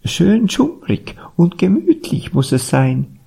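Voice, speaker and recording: A man's voice: high-pitched, sing-song, slow, creaky, mellow, husky, voice pushed up, full character voice. A man voicing a fussy owl in a told animal story, hooting between his phrases. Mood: dreamy. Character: hooting fussy owl who loves dim cosiness.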